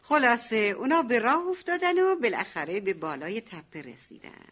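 A woman's voice: fairly high pitch, very animated, slight background noise. A woman narrating a children's story and answering a child's questions. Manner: warm, affectionate narration.

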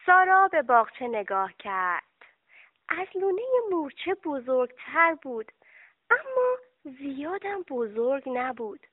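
A woman's voice: high-pitched, big pitch swings, no echo. A woman narrating a children's story expressively, speaking to children, on a dry, tinny recording. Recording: dry, tinny phone-like sound.

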